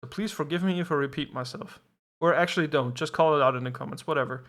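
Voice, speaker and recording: A man co-streams an esports match from home, casting casually, reasoning out loud and poking fun at himself. He speaks fast, with a fairly high pitch and fairly bright tone.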